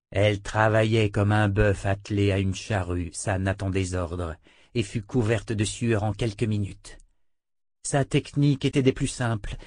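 A man's voice: a little mellow, no echo, clean studio sound. A man narrating an audiobook, reading every part himself and lifting his voice for the women. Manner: reads all parts, lifting pitch for the women's lines.

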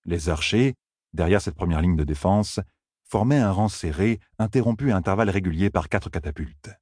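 A man narrating a fantasy audiobook in a dramatic, expressive reading on a close mic. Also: sits low, moderate pace, breathy edge, dry recording.

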